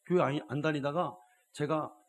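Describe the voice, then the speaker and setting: A man preaching a Sunday sermon in church as pastor, telling stories and swinging from hushed asides to loud exhortation, often prompting the congregation. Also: fairly high pitch, fairly even intonation, moderate pace. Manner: keeps addressing the congregation with rhetorical prompts.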